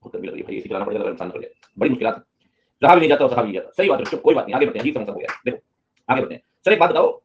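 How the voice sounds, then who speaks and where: A man's voice: medium pitch, big pitch swings, very fast, highs cut off, a little hiss or hum. A man teaching a live online class, joking and teasing his students between points.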